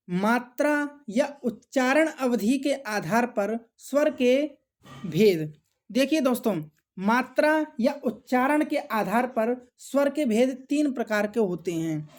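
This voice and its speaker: A woman teaching an exam-prep grammar lesson, repeating key points and answering her own questions, clearing her throat often. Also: fairly high pitch, darkish tone. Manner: slow, repetitive, asks and answers own questions; addresses viewers as friends.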